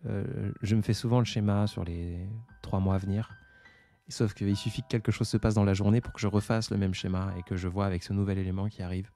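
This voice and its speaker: A livestream host in his twenties answers viewer comments during a casual stream, hesitant and reflective, with lots of fillers. His fairly low, dark voice stays steady at a fairly quick pace, and faint music plays behind him.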